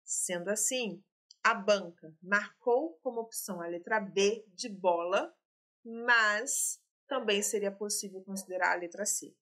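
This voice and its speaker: A woman's voice: mid-range voice, measured pace, pushed and bright. A woman, teaching and working through exam questions, explaining and talking straight to her students. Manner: explanatory, addresses students directly.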